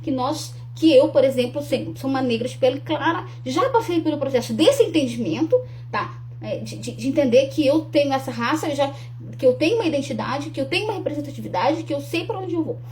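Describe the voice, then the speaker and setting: A woman's voice: high-pitched, animated, brisk, a little mellow, a little hiss or hum. A young adult woman, talking earnestly to camera with frequent restarts and tag questions. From Rio Grande do Sul, Brazil. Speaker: speaker promoting her talk. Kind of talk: casual to-camera talk.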